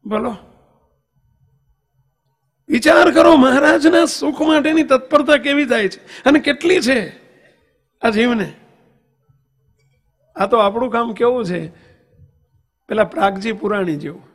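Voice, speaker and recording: A man's voice: very high-pitched, measured pace, long pauses. A man, a monk, giving a devotional sermon with emphatic rhetorical questions and anecdotes. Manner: tells anecdotes and sings verses. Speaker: monk preacher.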